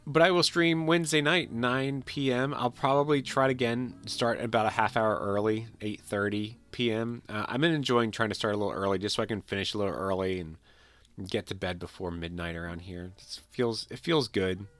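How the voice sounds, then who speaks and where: In casual chat while wrapping up his gaming stream, a man with a sick, nasal voice rambles to viewers, repeats himself and restarts sentences. He is a livestreamer who talks a little fast in a low-leaning voice with a fairly bright tone.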